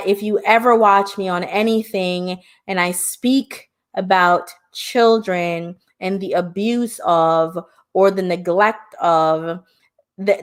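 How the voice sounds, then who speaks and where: Hosting a live-stream discussion, this Jamaican hypnotherapist in middle age speaks with passion and keeps turning to talk straight to her viewers. She has a medium-pitched voice with a clear, resonant tone.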